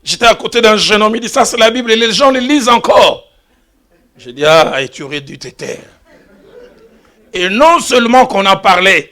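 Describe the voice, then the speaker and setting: A male pastor preaches to his church congregation in a high-pitched, bright, ringing voice. He shifts from hushed asides to loud exclamations as he tells his stories.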